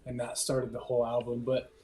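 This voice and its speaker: Young man, twenties, podcast guest, mellow dark voice, laid-back rambling. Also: medium pitch, a little fast, a little hiss or hum, rough recording. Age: 20s. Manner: relaxed, laughs often, rambling. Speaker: band member, guest. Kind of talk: casual podcast chat.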